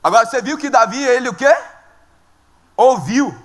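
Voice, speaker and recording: A male pastor with a Brazilian accent, telling a sermon story in an animated, joking way. His voice sits very high and leaps all over. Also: normal speed. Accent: Brazilian Portuguese.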